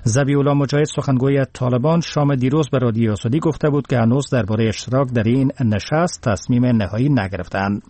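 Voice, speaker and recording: A man's voice: mid-range voice, few pauses, mellow, no room sound. A man with an Afghan accent reading scripted news headlines formally.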